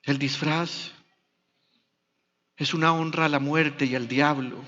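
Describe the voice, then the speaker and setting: A man's voice: a little high, steady tone, slow, pushed and bright, big-room sound, muffled recording. A Colombian man, a pastor, preaching a sermon in a church, telling biblical stories with dramatic shifts of voice. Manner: dramatic storytelling, acting out biblical dialogue.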